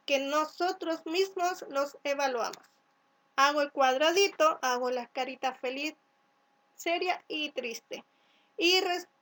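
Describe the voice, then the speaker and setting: A woman from Chile teaching a first-grade class, speaking slowly and clearly, sounding out letters and syllables and often checking with "¿cierto?". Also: high voice, a bit bright. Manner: asks "¿cierto?" to check along. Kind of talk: recorded remote class instructions.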